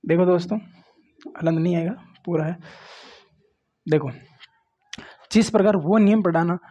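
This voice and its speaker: The recording is muffled, but the voice is clearly a high-pitched man's, moving at a measured pace. He's a grammar teacher from Rajasthan lecturing at a board, coaxing his class plainly with frequent "देखो" ("look") and "ठीक है" ("okay").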